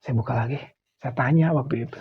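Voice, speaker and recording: A middle-aged Sundanese-accented man from West Java, Indonesia, tells an eerie story in a casual chat as a guest storyteller. His medium-pitched, husky voice moves fast, and he animatedly acts out what people said, sometimes sinking to a near whisper. The recording has a dull lo-fi quality.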